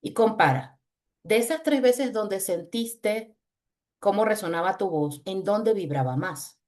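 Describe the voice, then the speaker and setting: A woman with a low, chest-resonant voice, leading a webinar on voice in a lively, teasing, conversational way over a video call. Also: a little slow. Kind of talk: webinar talk with exercises.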